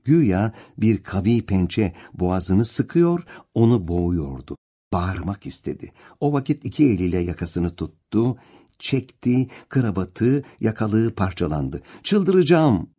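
A man's voice: deep voice, big pitch swings, a little slow, warm tone, breathy edge. A man narrating a novel as an audiobook, with a dramatic, varied delivery. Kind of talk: expressive literary narration.

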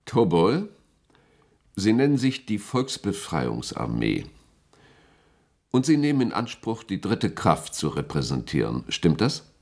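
In this German radio play, the actor gives the middle-aged security chief a deep, darkish voice with wildly swooping pitch, playing it heavily. The chief is authoritative, courteous, and guarded, speaking deliberate formal officialese in a stern, probing mood.

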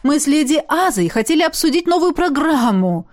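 A woman's voice: high-pitched, big pitch swings, fairly quick, voice pushed up. A woman voicing a breathless gnome woman who leads a craft guild and chatters nonstop. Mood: flustered.

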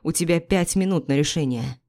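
A woman's voice: low-pitched, fairly quick, mellow. A woman reading the lines of a cold, powerful man who threatens his ex-wife, clipped and icy. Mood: icy menace.

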